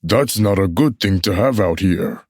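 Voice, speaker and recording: A man voices an unbothered, officious messenger gathering banned books in a musical puppet show, staying dismissive and matter-of-fact in full character voice. He speaks low, husky and darkish, expressively and a little slowly, in a dry, clean studio recording.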